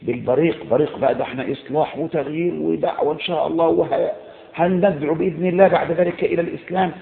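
A man with an Egyptian Arabic accent preaching a sermon, emphatic and repetitive, swinging between loud exhortation and low, intense tones. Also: fairly even intonation, racing, creaky. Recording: echoey, phone-like lo-fi recording.

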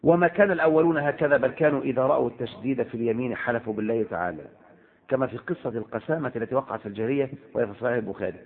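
A man preaching a sermon with an Egyptian Arabic accent, impassioned, switching between loud exclamations and hushed asides. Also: mid-range voice, racing. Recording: tinny phone-like audio.

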